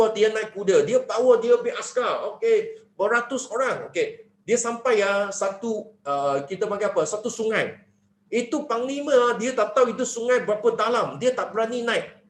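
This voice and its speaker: High-voiced man pitching sales. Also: roomy sound. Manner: animated, mixing in English phrases, asks rhetorical questions. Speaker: network marketing presenter. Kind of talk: sales presentation.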